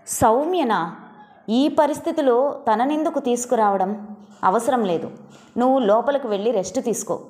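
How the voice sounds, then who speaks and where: A woman reading the lines of a proud middle-aged mother, stern and sharp with her son yet grieving, in a storybook. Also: a little high, moderate pace, pauses often, natural voice. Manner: stern, sharp, turning tearful.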